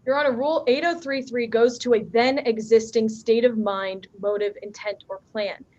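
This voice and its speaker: A woman's voice: a little high, fairly even intonation, moderate pace, a little mellow, highs cut off. A young woman trial advocate making a firm, argumentative legal objection in a formal courtroom, with a few restarts, heard through a courtroom recording.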